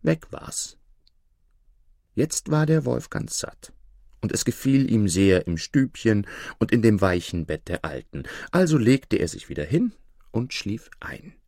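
A male storyteller reading a fairy tale with expressive, dramatic delivery. His lowish voice moves a lot in pitch and sounds dry and close. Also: a little slow, no echo. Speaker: narrator. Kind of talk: storybook narration.

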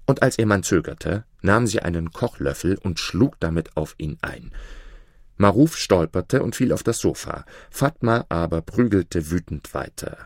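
A man reading a fairy tale aloud in an expressive storytelling style. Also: low voice, a little slow, dry recording, studio quality. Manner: expressive, varied intonation.

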